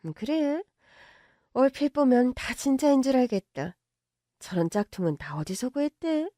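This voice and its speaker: A woman's voice: high voice, animated, moderate pace, warm tone, no room sound, clean studio sound, voice pushed up. A woman voicing a haughty, contemptuous middle-aged mother-in-law who scolds and belittles in a story drama. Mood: scolding. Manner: sneering, bossy, scolding in banmal. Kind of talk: audio drama story reading.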